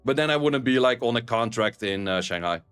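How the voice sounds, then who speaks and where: Faint music plays behind a Dutch streamer and esports caster as he casually reads out viewer messages on his live stream, blunt, swearing, and laughing often. His Netherlands accent carries a medium-pitched, smooth, fairly bright voice that is animated and fairly quick.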